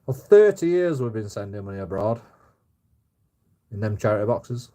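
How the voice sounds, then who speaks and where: Here a forty-something Bradford man with a West Yorkshire accent hosts a livestream, ranting casually and with strong opinions. His low, warm voice swings widely in pitch, and he keeps a moderate pace. He's blunt, swears a lot, repeats himself and regularly tags on "you know."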